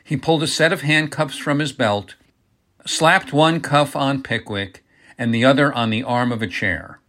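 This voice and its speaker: Guy narrating an audiobook, steady even read, mid pitched voice. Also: moderate pace.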